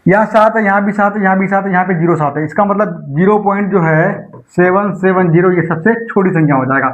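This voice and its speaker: In a rough recording, a man with a high voice teaches an online maths lecture aimed at an exam. He explains every step, repeats numbers slowly while working problems, and keeps posing rhetorical questions to his students.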